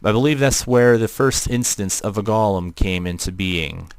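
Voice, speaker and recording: A young Midwestern man talks with his chat viewers while streaming a game, his commentary rambling and chatty. He speaks at a moderate pace in a lower-pitched voice, with no room sound.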